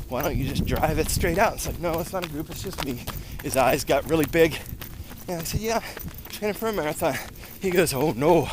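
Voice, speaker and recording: An American running vlogger with a fairly high voice chats casually to viewers during a long run on rural roads. He sounds tired, pausing and breaking for breath as he talks, and the clear outdoor ambient noise comes through.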